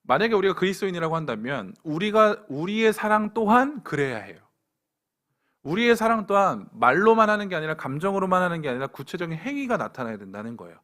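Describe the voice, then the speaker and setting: A man's voice: sits high, big pitch swings, fast talker, a bit bright. A young adult man preaching a sermon to a church young adults group, pointed and direct with playful asides. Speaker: pastor.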